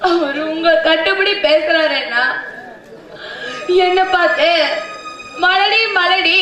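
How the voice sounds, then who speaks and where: A woman's voice: extremely high pitch, fairly bright tone, exaggerated voice. A woman acting a devoted young wife in a stage drama, pleading and tearful, turning fiery when threatened, recorded on an echoey stage with music and crowd.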